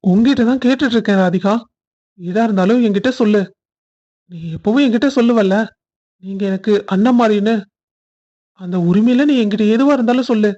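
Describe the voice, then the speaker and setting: A woman's voice: mid-range voice, a little fast, long pauses, warm tone, highs cut off, natural voice. A woman voicing a caring young man in a family cartoon, earnest and reassuring. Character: young man, caring groom and protective brother figure. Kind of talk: cartoon voice acting.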